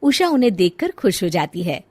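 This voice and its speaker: A woman's voice: fairly low pitch, very animated, normal speed, mellow, husky, no echo. A woman narrating a scripted family story as a storyteller.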